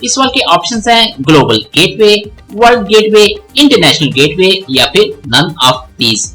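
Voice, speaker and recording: Exam-prep reader, bright and animated delivery. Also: medium pitch, faint music behind, low-quality recording. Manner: reads English questions slowly, then translates briskly. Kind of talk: reading quiz questions and answers.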